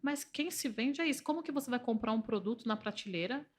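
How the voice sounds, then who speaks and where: A woman's voice: on the high side, quick pace. A woman with a Brazilian Portuguese accent, an entrepreneur and therapist, talking persuasively in a podcast conversation and telling anecdotes. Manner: animated, persuasive, tells anecdotes. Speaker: entrepreneur and organizational systemic therapist.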